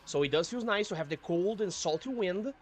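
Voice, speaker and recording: Streaming a game from what sounds like his apartment, this man's somewhat high voice comes out expressive and a little fast. His casual commentary is full of grumbling, free swearing, and dry sarcasm.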